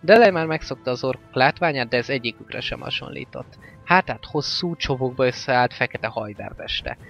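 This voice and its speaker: A man reading a fantasy novel aloud as an audiobook narrator, in a steady, even-paced way. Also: medium pitch, gravelly. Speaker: audiobook reader. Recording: slightly dull lo-fi with faint music.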